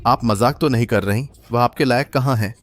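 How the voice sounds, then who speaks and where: A man's voice: mid-range voice, normal speed, noisy background, lightly acted. A man playing an arrogant rich rival, sneering. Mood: contemptuous. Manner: arrogant, insulting, threatening. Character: arrogant rich young man, jealous suitor. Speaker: rival suitor. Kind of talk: Hindi dubbed short drama. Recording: dubbed voice with music behind.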